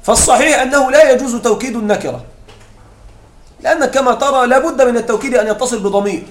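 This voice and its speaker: High-voiced male teacher in an echoey classroom. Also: fast talker. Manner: explains with repeated examples and checks understanding with questions. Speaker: Arabic grammar teacher. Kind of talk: classroom lecture. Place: classroom with students.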